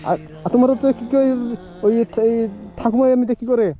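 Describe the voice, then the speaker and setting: A man hosting a vlog, chatting outdoors by the road from his bike, coaxing gently and repeating himself. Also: extremely high pitch, steady tone, fairly quick. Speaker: vlog host. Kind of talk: casual roadside chat. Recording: dull lo-fi audio with music behind.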